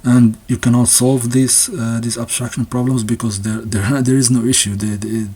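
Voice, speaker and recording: A man explaining a textbook's ideas in a casual unscripted talk, halting often with restarts and fillers and sometimes laughing nervously. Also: medium pitch, little pitch movement, warm tone, husky. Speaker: presenter discussing a textbook.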